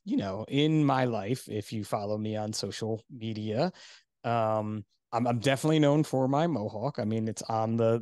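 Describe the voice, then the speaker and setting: A man's voice: mid-range voice, a little mellow, dry recording, studio quality. A man hosting a podcast, chatting casually and rambling with self-deprecating asides and frequent laughs. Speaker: podcast host. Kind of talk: casual interview chat.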